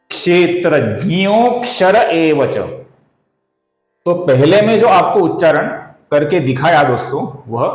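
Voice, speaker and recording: A man with a Marathi accent teaching Sanskrit pronunciation, speaking slowly and deliberately and repeating each syllable for his viewers. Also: fairly high pitch, roomy sound. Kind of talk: recitation lesson.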